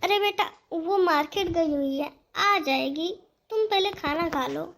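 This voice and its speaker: A woman voicing an ailing, kindly old mother-in-law in a cartoon story, speaking softly and pleadingly. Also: extremely high pitch, unhurried, heavily acted. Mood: gentle. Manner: soft, pleading, fond.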